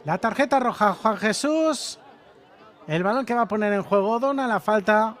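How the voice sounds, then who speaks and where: A man's voice: high-pitched, lively intonation, normal speed, fairly bright tone, some chatter behind. A man giving live play-by-play commentary on a beach soccer match. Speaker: sports commentator.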